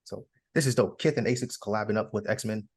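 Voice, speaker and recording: A man's voice: lowish voice, a little fast, slightly rough. A young man co-hosting a casual podcast, easygoing and enthusiastic. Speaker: podcast co-host. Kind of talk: casual chat.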